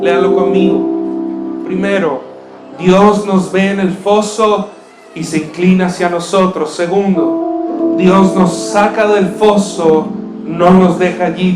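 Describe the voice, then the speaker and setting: A male pastor, possibly, closing a sermon by leading the congregation in prayer and fervent declarations from a church stage. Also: high-pitched. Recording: echoey church hall with music. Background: soft guitar music.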